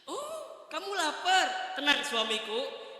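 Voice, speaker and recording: A man voicing a doting young wife in a coaxing falsetto. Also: wildly swooping pitch, slow, sharp tone, full character voice. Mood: sweet coaxing. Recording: echoey hall reverb.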